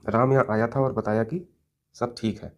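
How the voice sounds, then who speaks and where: Speaking at a normal speed in a steady, mid-range voice, this exam coaching teacher goes through Hindi grammar mock test questions one step at a time. He keeps checking that his students follow, saying "theek hai" and "hai na."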